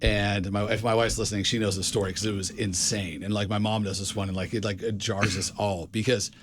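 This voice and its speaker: A man's voice: lowish voice, steady tone, a little fast, slight background noise. A man co-hosting a casual talk show, telling a story in a rambling way, full of fillers and restarts. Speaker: co-host.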